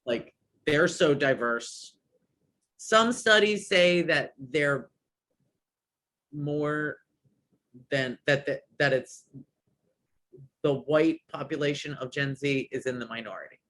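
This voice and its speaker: A man chats as a guest on a podcast. His voice sits a little high, and he rambles with eager enthusiasm. He fills his sentences with "like" and starts them over. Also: slow pace, pauses often, a bit bright. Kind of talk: casual podcast chat.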